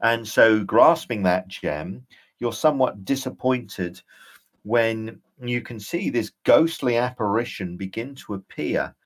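A man running a tabletop role-playing game as game master, describing scenes in a halting way. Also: medium pitch, expressive.

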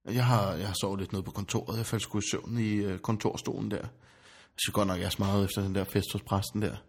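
A man playing a groggy, baffled barman who asks halting, sceptical questions in a comic drama. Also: fairly low pitch, level tone, breathy edge. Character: groggy, baffled male barman just woken up. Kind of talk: comic role-play drama.

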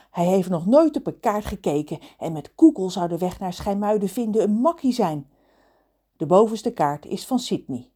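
A woman narrating a children's story aloud in an expressive, lively reading style. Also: mid-range voice, slightly rough. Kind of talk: audiobook storytelling.

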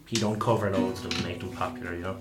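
A man's voice: sits low, flat delivery, very fast, reverberant, music in the background. A man, a band musician guesting in a radio studio, chatting casually with dry jokes. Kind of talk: casual interview chat.

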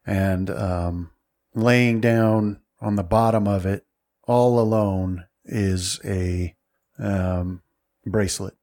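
A man narrating a tabletop game as game master, halting and full of fillers as he describes the scene. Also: fairly low pitch, steady tone, a little mellow.

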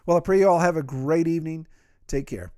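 In a warm voice on the high side, a fast-talking podcast host with an Appalachian drawl rambles through a casual monologue. He keeps things conversational, folksy, and self-deprecating.

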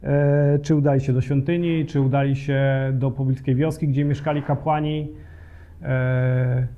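A man's voice: mid-range voice, flat delivery, unhurried, mellow, lo-fi sound. A man preaching a sermon, speaking earnestly and directly to the congregation with occasional hesitations.

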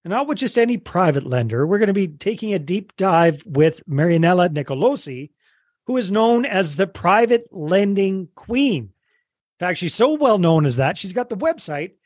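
A Canadian man hosting an interview over a call, relaxed and joking, often finishing his guest's thoughts. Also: sits high, normal speed, no room sound, clean studio sound. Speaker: podcast host. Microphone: remote call.

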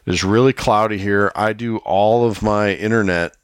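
Low nasal gravelly man, sick. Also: moderate pace, no echo, studio quality. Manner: rambling, with many restarts and fillers. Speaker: podcast co-host. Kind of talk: casual hunting podcast chat. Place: rural home.

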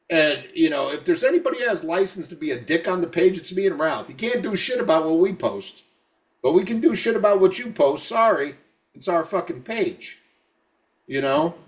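A high-pitched man, tipsy from drinks, rants in a rambling, profane stream as a podcast co-host. He talks heatedly and repeats himself. His voice sounds a little distant from the microphone. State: drunk. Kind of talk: casual podcast rant.

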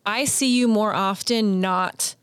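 A woman hosts a casual interview show. She talks informally and chattily at a medium pitch. The sound is dry, with no room echo. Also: slow pace, fairly bright tone, clear, resonant tone. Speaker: talk show host.

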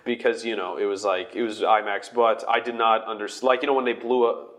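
Male panelist, low-ish voice, rambling excitable fan chat. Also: brisk. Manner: excitable, rambling, self-interrupting. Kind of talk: casual fan discussion.

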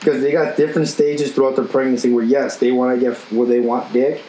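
A man's voice: medium pitch, level tone, fairly quick, mellow. Blunt, profane man in an echoey room. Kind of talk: casual banter.

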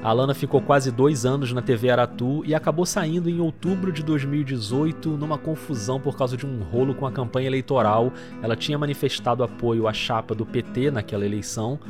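A man's voice: mid-range voice, fairly even intonation, brisk, hardly any pauses. Male podcast host, scripted narration, mid-range voice, faint guitar bed. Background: faint guitar music.

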